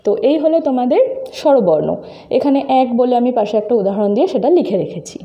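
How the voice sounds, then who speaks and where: The recording is muffled as a woman teacher talks her students through phonetic symbols in a screen-recorded lesson. Her fairly high voice is expressive and quick, and she speaks to them directly, patiently going step by step.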